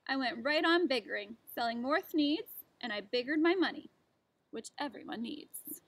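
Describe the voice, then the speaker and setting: A teacher, a woman, reading a rhyming storybook aloud to children with an expressive, rhythmic delivery. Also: sits high, moderate pace, dry recording.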